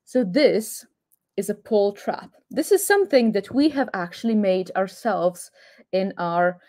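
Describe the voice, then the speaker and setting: A woman's voice: a little high, a little mellow. A woman presenting a live online science demonstration, explaining step by step with frequent fillers, recorded on a camera mic indoors. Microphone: webcam or phone camera mic.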